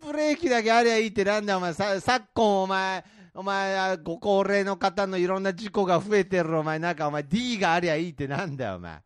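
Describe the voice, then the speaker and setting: A man's voice: sits high, fast, hardly any pauses, smooth, dry recording. A man bantering in a comedy duo, firing back incredulous retorts and bluntly tagging on a "you" at the end of his lines.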